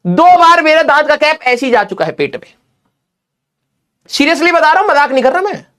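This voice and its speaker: A man's voice: very high-pitched, very animated, a little fast, a bit bright. A young adult male teacher chatting to his students in a casual, joking way, telling a story and slipping in English phrases. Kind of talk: casual storytelling in an online class.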